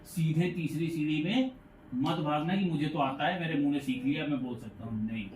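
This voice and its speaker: A man teaches a pronunciation lesson, patiently drawing out sounds to show how they are made. His voice sits a little high and is picked up from a distance. The room echoes noticeably, with a faint hiss underneath. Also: a little mellow. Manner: patient, repeats sounds slowly to demonstrate. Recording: echoey room, mic far off, faint noise.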